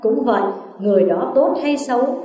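Through a distant mic in a roomy space, a Southern Vietnamese nun gives a dharma talk at normal speed in a fairly high voice. Her storytelling moves in lively shifts, and she poses questions to her listeners.

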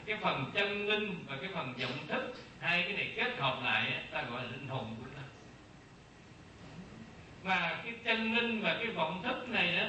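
A man gives a Buddhist dharma talk in a high, very bright voice, circling back over his phrases and asking questions he then answers himself. He sounds set back from the microphone in a strongly echoing space, with a faint hum of ambience behind him. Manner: slow, repetitive teaching with rhetorical questions. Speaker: Buddhist monk teacher. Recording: very echoey distant room sound, faint ambience.

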